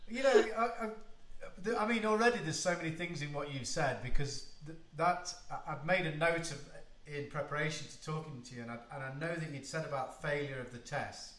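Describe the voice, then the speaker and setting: Male interviewer, slightly high voice, hesitant, roomy sound. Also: fairly bright tone. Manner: halting, restarts questions. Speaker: podcast host.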